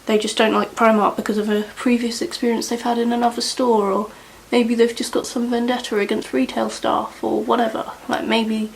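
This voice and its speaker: A woman's voice: a little high, flat delivery, moderate pace, vocal fry, few pauses, a little hiss or hum, poor audio. Chatty woman doing makeup. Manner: rambling, chatty, lots of "like" and "you know". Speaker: beauty vlogger. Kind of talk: casual chat while doing makeup. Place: indoors at home, doing makeup.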